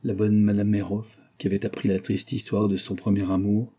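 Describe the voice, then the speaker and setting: Dark, husky male audiobook narrator. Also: fairly low pitch, level tone. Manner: measured, careful reading.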